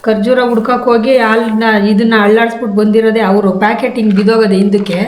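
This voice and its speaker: A middle-aged mother rattles off her complaint at a quick pace. The room is echoey, with faint noise behind. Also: on the high side, flat delivery, darkish tone. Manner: complaining, explaining her grievance.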